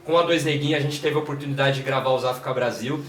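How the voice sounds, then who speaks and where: A man's voice: medium pitch, fast talker. São Paulo man telling stories in an echoey room. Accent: São Paulo Portuguese. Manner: relaxed storytelling with many "né" fillers. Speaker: guest, creative director and videomaker. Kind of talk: casual interview conversation. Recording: echoey room, distant mic, faint noise.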